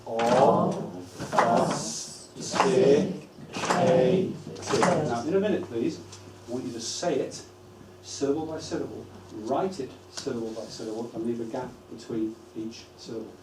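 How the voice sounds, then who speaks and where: A man training teaching assistants in a school room. He gives steady instructions and stretches words out syllable by syllable. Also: mid-range voice, moderate pace. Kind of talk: training workshop talk. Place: school room with a live audience. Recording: echoey room from far off, noisy.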